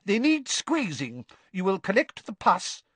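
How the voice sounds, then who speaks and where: Professor Sprout, brisk high-voiced teacher as a man reads her. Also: huge pitch swings, a bit bright, husky, no room sound, full character voice. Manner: brisk, bossy. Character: brisk no-nonsense woman herbology teacher. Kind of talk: audiobook character voice.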